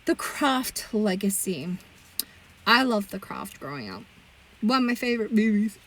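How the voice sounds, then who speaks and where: A woman's voice: medium pitch, big pitch swings, measured pace, poor audio. A woman reviewing movies in a casual, blunt rant, exasperated and swearing freely. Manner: chatty with frequent fillers.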